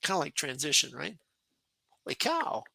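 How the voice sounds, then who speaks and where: Man in his 60s, retired colonel, podcast guest, bright forceful tone, dry close sound, animated storytelling. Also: a little high, normal speed, vocal fry, no echo, low-quality recording. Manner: animated anecdotes with laughs and acted-out quotes. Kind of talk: conversational war storytelling.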